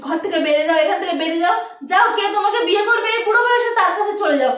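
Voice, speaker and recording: A shrill, sharp-tongued housewife, worn out and furious, scolds and laments in a very high, rapid voice, as a woman acts her out. The voice rings around a bare, echoey room, caught from a distant mic over steady noise. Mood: scolding. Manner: shrill scolding, sharp sing-song complaining. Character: angry overworked middle-aged housewife.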